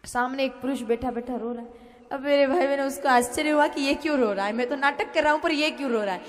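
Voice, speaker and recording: A woman's voice: sits high, fast. A woman sadhvi preaching a devotional storytelling sermon, addressing her listeners as brothers and sisters. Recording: reverberant hall.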